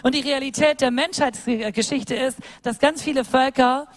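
A woman's voice: high-pitched, moderate pace. A woman from Germany preaching a sermon, speaking earnestly and directly to her listeners and voicing quoted words in changing tones. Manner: acts out quoted speech in a shifting voice.

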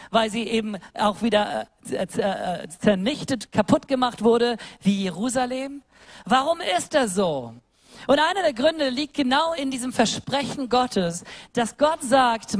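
Earnest woman preaching a sermon. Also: fairly high pitch. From Germany. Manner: earnest, direct address with questions to listeners; acts out quoted speech in a shifting voice.

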